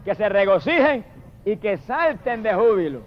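Puerto Rican evangelist, man, high voice, dramatic shouts and hushed prayers, lo-fi tape. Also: big pitch swings, slight background noise. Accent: Puerto Rican Spanish. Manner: dramatic, shouting drawn-out hallelujahs, then murmured prayers. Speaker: evangelist preacher. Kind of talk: fiery sermon. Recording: dull lo-fi sermon recording.

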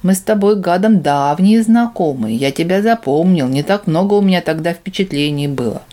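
A man voicing a cocky, brash male monkey demon who talks in rough slang. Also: sits high, expressive, normal speed, mellow, voice pushed up. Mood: grumbling. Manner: cheeky, swaggering, rough slang.

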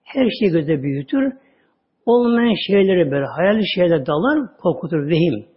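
A man giving a religious talk, telling stories with drawn-out words and sudden drops to a low voice. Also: big pitch swings. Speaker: religious teacher. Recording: dull lo-fi audio recording.

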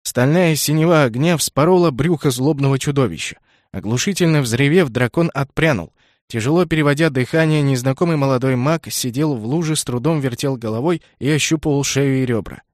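Brief: male audiobook narrator, mid-pitched, measured reading, dry close sound. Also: dry recording. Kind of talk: scripted narration.

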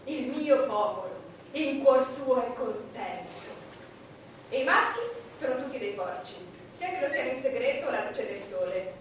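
An actress playing an imperious, lustful, proud queen in a theatrical stage monologue, haughty and declamatory, with deliberate dramatic pauses. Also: a little high, lively intonation, lightly acted. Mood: scornful, confiding. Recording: echoey theatre, distant noisy mic.

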